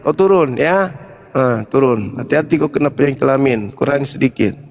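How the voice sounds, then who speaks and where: A man's voice: mid-range voice, normal speed, vocal fry, darkish tone, slight background noise. A middle-aged man hosting a heated live religious debate, talking combatively and mocking his opponent with laughter. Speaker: debate show host, foundation founder.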